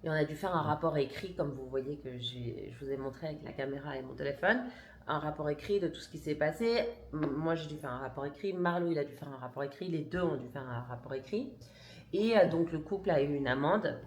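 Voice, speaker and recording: A woman's voice: deep voice, a little fast, darkish tone, a little hiss or hum. A mother vlogging to camera, telling a story emphatically and indignantly, with restarts and blunt words. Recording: roomy echo.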